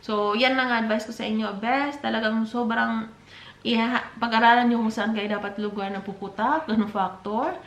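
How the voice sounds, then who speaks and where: A woman's voice: fairly high pitch, fairly even intonation, moderate pace, a bit bright, highs cut off. A woman giving dating advice in a casual vlog, chatty, mixing in English phrases and calling her viewers by pet names. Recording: roomy echo.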